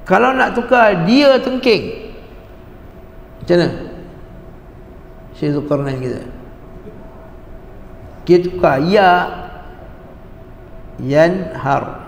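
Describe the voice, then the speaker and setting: A man with a high, gravelly voice teaches a religious class at an unhurried pace, stopping often to quiz his listeners and repeat key words. His voice rings through a reverberant hall with faint noise underneath. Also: expressive. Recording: echoey hall with long reverb.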